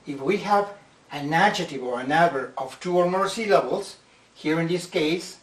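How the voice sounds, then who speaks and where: English teacher, roomy distant sound. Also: male voice, on the high side. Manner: slow, careful explanations, stretching out example words. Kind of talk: slide-based grammar lesson.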